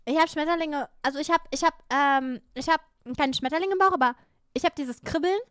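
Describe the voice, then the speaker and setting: A woman's voice: high-pitched, brisk, fairly bright tone, no room sound, studio quality. A young woman streaming, chatting casually in a playful, rambling way, nervous and jittery. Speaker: livestreamer.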